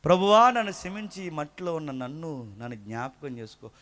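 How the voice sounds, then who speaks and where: A man's voice: on the high side, very animated, a little fast, fairly bright tone. A preacher putting on a groveling, falsely humble man at prayer. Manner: whining self-abasing prayer. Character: showy man praying in fake, groveling humility.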